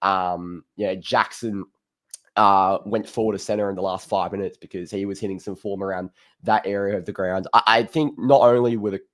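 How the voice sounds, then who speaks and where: A man's voice: low-pitched, fairly even intonation, normal speed. An Australian man hosting a fan call-in show, chatting casually about footy in a laconic, blokey way.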